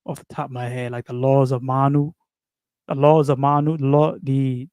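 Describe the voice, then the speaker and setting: Recorded dry and close with no echo, this New York man has a medium-pitched, warm voice. He's a video creator giving a rambling, casual spiritual monologue full of repeated phrases, fillers, and slang.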